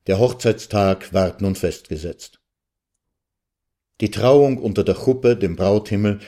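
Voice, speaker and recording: A man reading a story aloud on the radio at a measured literary pace. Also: deep voice, dark tone.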